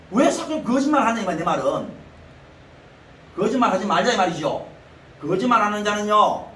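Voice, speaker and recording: Animated Gyeongsang pastor preaching in a roomy church. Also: male voice, sits high, distant mic, a little hiss or hum. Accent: Gyeongsang (Daegu) Korean. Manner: blunt, colloquial, full of rhetorical questions. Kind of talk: sermon. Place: church sanctuary.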